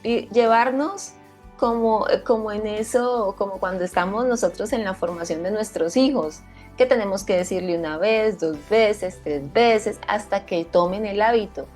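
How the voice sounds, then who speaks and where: A woman's voice: mid-range voice, normal speed, a little mellow, faint music behind. Reflective woman host of a faith show. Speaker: interviewer. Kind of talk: faith interview.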